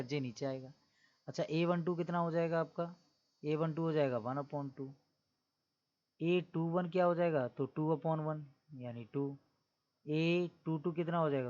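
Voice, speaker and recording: A man's voice: a little high, darkish tone, lo-fi sound. A man teaching maths in a classroom-style lecture, explaining step by step and asking his students questions as he goes. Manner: keeps adding the tag 'theek hai na'.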